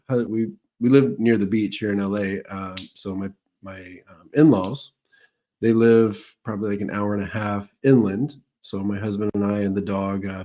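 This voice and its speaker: A man with a low, mellow voice hosts a relaxed live stream as a psychic medium. He talks in a loose, rambling way, greeting viewers by name and chatting before he takes questions. He speaks into a streaming microphone.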